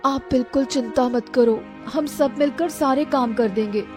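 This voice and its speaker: A woman's voice: high voice, normal speed, music in the background, lightly acted. A woman voicing a young eldest granddaughter who coaxes and placates her grandmother. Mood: coaxing. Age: young adult. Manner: coaxing, placating.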